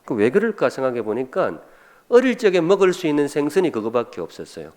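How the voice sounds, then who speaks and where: A man's voice: on the high side, sing-song, fast talker, darkish tone. A man in his fifties from Gyeongsan with a Gyeongsang accent, preaching a humorous sermon as a pastor and asking the congregation questions. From Gyeongsan, South Korea.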